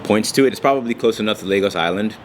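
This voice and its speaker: A young man from Nigeria, chatting casually as an interview guest in a relaxed way, with many fillers. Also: lowish voice, rapid-fire, a little hiss or hum.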